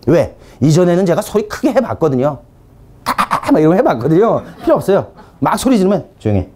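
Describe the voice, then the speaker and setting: A man preaching a sermon and teaching deliverance ministry, telling stories and acting out commands, dropping to a quiet firm voice for the commands. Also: sits high, fast talker. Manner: animated storyteller, drops to a quiet firm voice for commands.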